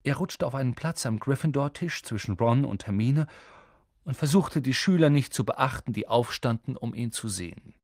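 A man reading an audiobook in expressive, scripted narration on a close mic. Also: mid-range voice, moderate pace, dry recording. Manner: expressive, lively storytelling.

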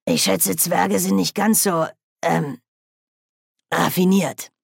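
Stern old storybook witch, curt and low , put on by a female reader, dry close sound. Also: steady tone, takes it slowly, gravelly, a little mellow, husky, no room sound, exaggerated voice. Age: older. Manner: curt, commanding. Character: stern, sharp-tongued old witch woman.

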